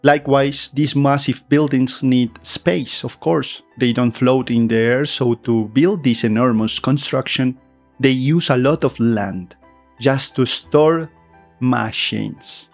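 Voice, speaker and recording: Male video commentator, non-native English, medium pitch, deliberate emphatic delivery, light music bed. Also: gravelly. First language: not English. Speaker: video essay narrator, VTuber. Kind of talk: scripted opinion commentary. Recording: faint music behind. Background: background music.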